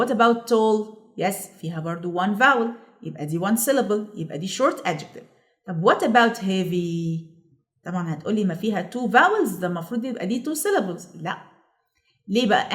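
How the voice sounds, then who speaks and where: A woman with an Egyptian Arabic accent teaches English grammar to children, pronouncing the English examples slowly and drawn out and checking in with "okay?" again and again. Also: mid-range voice. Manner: slow stretched-out English examples. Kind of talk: classroom lesson.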